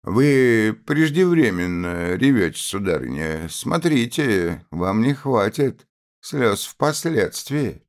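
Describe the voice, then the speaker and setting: A man's voice: on the low side, big pitch swings, slow pace, pitched above the performer's own voice, heavily acted. A man voicing a cold, contemptuous young officer who speaks in curt commands with sneering politeness.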